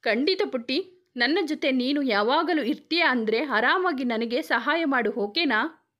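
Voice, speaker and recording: A woman's voice: sits high, expressive, unhurried, dull audio. A woman reading a grieving police dad. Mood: tender. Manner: tender, pleading. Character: grieving male police officer, loving father.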